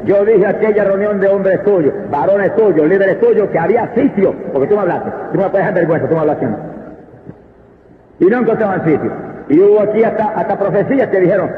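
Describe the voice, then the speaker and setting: High-voiced fervent preacher, tinny echoing recording. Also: male voice. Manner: impassioned, swings between slow drawn-out emphasis and quick bursts. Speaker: evangelist preacher. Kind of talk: fervent Pentecostal sermon. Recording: tinny lo-fi recording in a reverberant hall.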